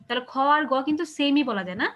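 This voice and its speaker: Quick high-voiced woman teacher. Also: animated, fairly bright tone, lo-fi sound. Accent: Bangladeshi Bengali. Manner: explains patiently, asks checking questions. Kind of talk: online class lecture.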